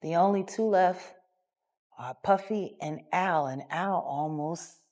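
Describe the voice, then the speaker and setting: A man telling a story slowly and deliberately, with dramatic pauses. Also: high-pitched, darkish tone. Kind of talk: casual storytelling.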